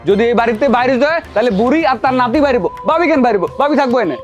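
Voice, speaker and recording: A man plays a whiny, agitated younger brother. He talks very fast in a high voice. Faint music sits underneath. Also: expressive, dull audio. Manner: complaining, agitated. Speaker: younger brother in a family drama. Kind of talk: television drama acting.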